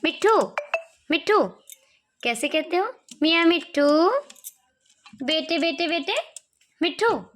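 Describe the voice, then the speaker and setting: A woman's voice: very high voice, lively intonation, slow pace, long pauses, noisy background. A woman talking to her pet parrot at home, coaxing it and calling its name again and again in a sing-song way. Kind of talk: casual talk to a pet.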